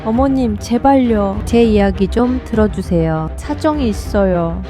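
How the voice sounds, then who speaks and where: A woman's voice: mid-range voice, animated, unhurried, over music, lightly acted. A woman voicing a young daughter-in-law in a story reading, speaking in a trembling, pleading way.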